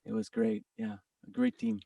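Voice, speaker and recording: A man with a French-Canadian accent, a guest talking casually in an interview, halting with many restarts and quick laughs. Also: fairly low pitch, monotone, creaky, warm tone, no room sound, recorded from a distance. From Quebec, Canada.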